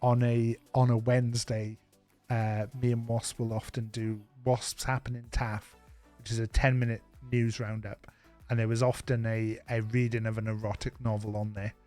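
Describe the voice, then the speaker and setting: A man's voice: mid-range voice, little pitch movement, normal speed, darkish tone, soft background music. A Welsh man hosting a live stream, chatting casually and teasing, rambling with fillers. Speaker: streamer host. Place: home streaming setup.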